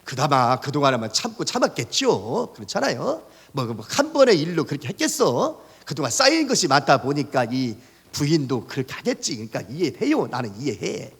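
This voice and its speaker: A male pastor giving a sermon, telling stories in an animated way and putting rhetorical questions to the congregation. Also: a little high, moderate pace, breathy edge, long reverb tail. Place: church sanctuary.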